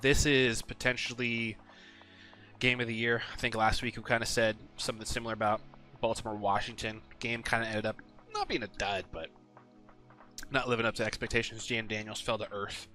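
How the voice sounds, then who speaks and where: A man's voice: medium pitch, flat delivery, fairly quick, pushed and bright, faint music behind. A man casually talking through his weekly game picks, rambling with lots of ums and some swearing. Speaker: sports picks video host. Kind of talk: casual solo commentary.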